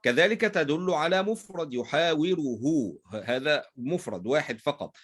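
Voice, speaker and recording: A man's voice: on the high side, sing-song, moderate pace, fairly bright tone. A man with an Egyptian Arabic accent teaching a recitation class, posing questions to his students and answering them himself. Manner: asks leading questions and fills in the answers, checks in with "right?". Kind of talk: explaining tajweed rules in a class.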